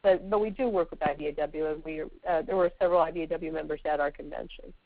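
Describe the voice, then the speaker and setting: A woman's voice: low voice, fairly even intonation, no room sound. Scratchy, sore-throat woman on a phone line. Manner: halting, searching for words. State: sore throat, sneezing and sniffly with a cold. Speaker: guest speaker, veterans' organization representative. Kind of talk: answering questions on a conference call. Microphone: telephone. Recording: tinny, narrowband phone line.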